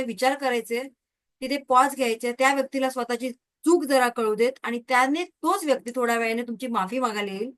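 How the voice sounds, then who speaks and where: A woman teaching a Reiki class online, lively and often quizzing her students with quick questions. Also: sits high.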